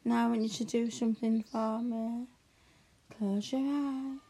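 Soothing breathy woman in ASMR roleplay. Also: a little high, fairly even intonation. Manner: soft, soothing, slow and hushed, often drifting into whispers.

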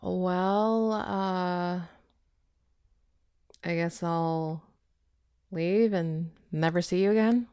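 A woman voicing a scornful young ex-girlfriend in an audio roleplay, with a mocking manner that often drops to a low whisper. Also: very slow, long pauses, dark tone, clean tone, no echo, studio quality.

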